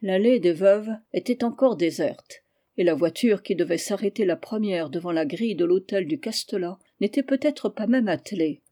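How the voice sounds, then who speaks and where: A man reading a classic novel aloud in a measured, literary way. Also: high-pitched, animated, mellow. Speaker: audiobook reader. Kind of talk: scripted narration.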